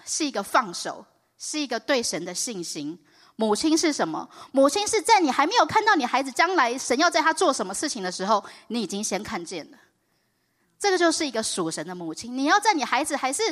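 A woman preaching and telling her own story in an excitable way, often rising to loud, high exclamations. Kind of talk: animated sermon testimony. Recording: reverberant hall.

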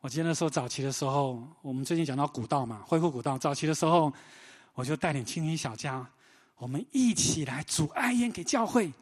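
A man pastor preaching a sermon in animated storytelling, often asking the congregation questions. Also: on the high side, a little fast, breathy edge. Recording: long reverb of a large hall.

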